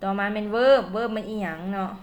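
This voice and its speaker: A woman with a Lao accent teaching English at home. She says English phrases slowly and carefully, then quickly translates each one. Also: medium pitch. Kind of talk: casual spoken lesson.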